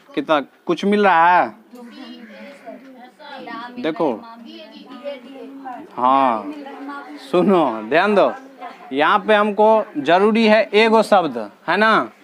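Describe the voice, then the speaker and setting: A man's voice: high-pitched, fairly bright tone. A male teacher, patiently walking his students through reasoning questions in a classroom and repeating each answer.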